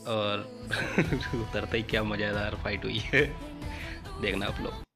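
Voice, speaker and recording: Low, flat-voiced gaming host. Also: male voice, slow pace. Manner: chatty, addresses viewers as brothers. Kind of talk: casual video intro narration. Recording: music playing underneath.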